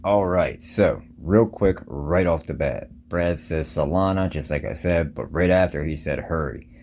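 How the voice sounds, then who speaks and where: A man's voice: a bass voice, a little slow, a little mellow, a little hiss or hum. A man hosting a show with casual, conspiratorial commentary, insistently repeating his points. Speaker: host of a crypto show.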